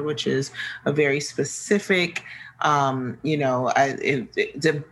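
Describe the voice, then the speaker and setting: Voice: mid-range voice, pushed and bright, rough recording. An interview guest from the American Midwest, explaining earnestly and searching for the right words. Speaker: interview guest, sex coach. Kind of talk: casual interview conversation.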